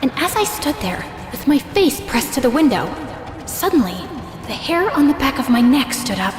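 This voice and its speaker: Her voice is high, swinging widely in pitch at a normal speed, as this woman plays a passionate young stepsister who feels wronged, raging and heartbroken at once. She recounts her tale dramatically in the first person, intense and emotional, with a tense, sorrowful feel. The recording puts her reverberant voice over loud music.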